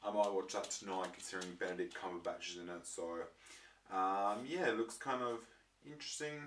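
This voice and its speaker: Showing his disc collection to viewers, a young man talks casually to camera in a voice made croaky by a throat infection; it sits low and is a bit bright. His chat rambles with frequent ums and restarts. The recording has a roomy quality, a distant mic, and faint noise.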